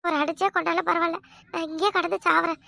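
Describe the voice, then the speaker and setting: A woman voicing a pleading young village wife with a Kanyakumari Tamil accent, begging softly in a cartoon comedy. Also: very high voice, level tone, fast talker, vocal fry, dry recording, heavily acted. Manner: begging, tearful, soft-spoken.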